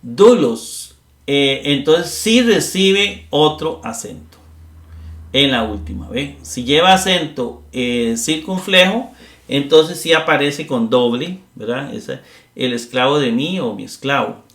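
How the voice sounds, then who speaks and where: Bright-voiced man teaching in an echoey room. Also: medium pitch, lively intonation, slow pace. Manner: explains step by step, checks with "¿verdad?". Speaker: Greek grammar teacher. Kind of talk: classroom lecture.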